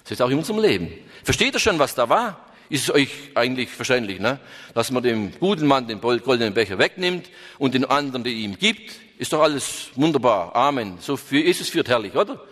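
A man's voice: mid-range voice, sing-song, brisk, a bit bright. A man preaching a storytelling sermon, addressing his listeners with questions. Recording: reverberant hall.

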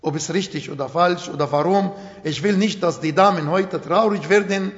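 In imperfect German marked by his native Arabic accent, a middle-aged preacher with a fairly high voice gives a slow, emphatic sermon. The recording sounds dull, with the long reverb of a church-hall-like space.

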